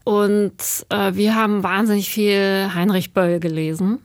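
Brief: woman author in her thirties from Germany, interview guest, reflective and hesitant, mid-pitched voice, dry close mic. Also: fairly even intonation, measured pace, no echo. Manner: thoughtful, searching for words with many fillers.

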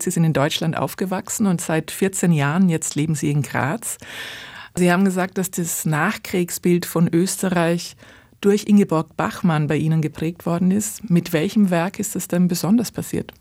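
Brief: woman radio interviewer, formal and composed, somewhat low voice, dry studio sound. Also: normal speed, a little mellow, no room sound. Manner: clear, composed questions.

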